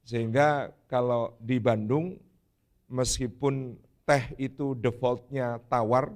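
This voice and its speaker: A man's voice: medium pitch, darkish tone. A man preaching at a mosque gathering and teasing with puns. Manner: wordplay-heavy, teasing. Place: mosque hall.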